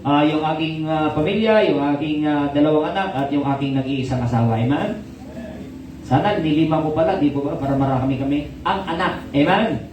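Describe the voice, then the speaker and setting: High-voiced Filipino pastor in echoey hall. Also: male voice, brisk, darkish tone. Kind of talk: sermon. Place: church hall. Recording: very echoey hall, mic at distance, faint noise.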